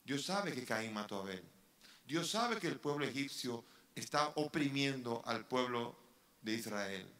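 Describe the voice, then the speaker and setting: Bishop preaching, earnest and questioning, bright forceful voice, echoey church room. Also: male voice, mid-range voice, animated, unhurried. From Dominican Republic. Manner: earnest preaching with rhetorical questions and rising emphasis. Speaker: bishop giving a retreat talk. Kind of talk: sermon. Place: parish church.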